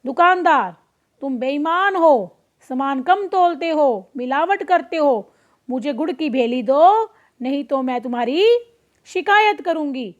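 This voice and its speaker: A sly, bossy vixen from a children's storybook snaps threats and scolds in a high voice, read aloud by a woman teacher. The sound is dull and lo-fi. She keeps her tone sharp and demanding. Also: normal speed, natural voice. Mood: threatening. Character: cunning bossy female fox. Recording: dull lo-fi recording.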